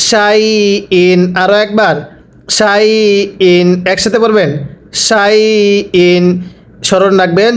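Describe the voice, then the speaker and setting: A man teaching Quran reading, spelling out each letter and vowel mark and then repeating the word slowly for learners to follow. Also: high-pitched. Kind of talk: slow drilled recitation lesson.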